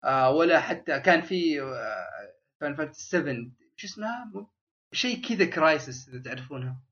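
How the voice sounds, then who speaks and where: A man's voice: on the high side, animated, fast talker, a bit bright. A man chatting casually as a podcast host, rambling and restarting his sentences. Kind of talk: casual chat. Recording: dull lo-fi sound.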